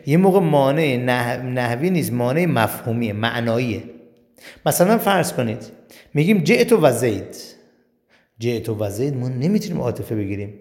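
A man's voice: medium pitch, creaky, darkish tone. A male teacher giving a grammar lesson, explaining step by step and asking and answering his own questions. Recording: long reverb in a hall.

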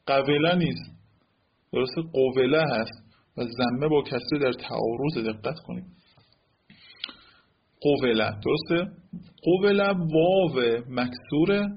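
A man teaching a lesson on Arabic grammar rules, often asking the class "right?" and slowly repeating example words. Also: on the high side, husky, dull audio. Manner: asks the class rhetorical check questions like "right?".

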